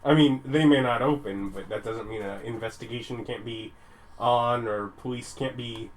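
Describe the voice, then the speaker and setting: Male game player, informal table talk at a middling pitch, faint noise behind. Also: fairly even intonation, normal speed, poor audio. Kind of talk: casual chat.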